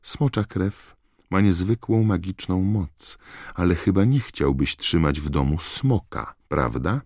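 A man reading an audiobook and voicing a clever, sharp-tongued teenage girl in a brisk, irritated tone. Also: lively intonation, no echo, studio quality, exaggerated voice. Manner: irritated, brisk, raised pitch.

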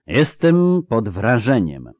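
A man doing a slow, mocking sorcerer. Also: medium pitch, huge pitch swings, dark tone, dry recording, clean studio sound, voice pushed up. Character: calm, sonorous, mocking male sorcerer.

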